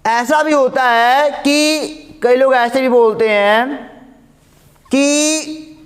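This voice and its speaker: Male physics teacher, very high voice, repetitive drilling delivery, reverberant room. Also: a bit bright. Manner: repetitive, drills each point, slow dictation. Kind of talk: classroom lecture.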